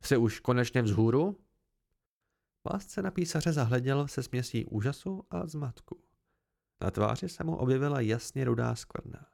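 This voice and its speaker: A man reading an audiobook aloud as an amateur narrator, telling the story plainly in a gravelly voice. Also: medium pitch, lively intonation, a little mellow. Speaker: audiobook reader.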